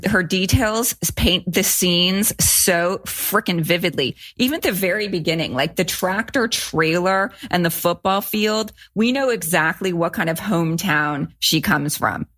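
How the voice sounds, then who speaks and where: Low-voiced emphatic woman co-host. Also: a little slow, few pauses. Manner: animated, emphatic, restarts sentences. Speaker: podcast co-host. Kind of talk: casual discussion of a student's story.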